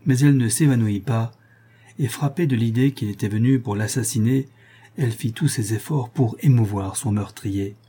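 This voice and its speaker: Guy reading an old gothic novel aloud, husky mellow voice, dramatic pacing. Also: mid-range voice. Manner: measured, dramatic storytelling. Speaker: audiobook narrator. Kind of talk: scripted narration of a gothic novel.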